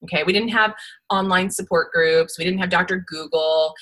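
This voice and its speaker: A woman in her forties with a smoky, raspy voice like a smoker's, telling her personal story candidly as an interview guest, with emphatic delivery. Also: lowish voice, moderate pace, fairly bright tone, poor audio. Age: 40s.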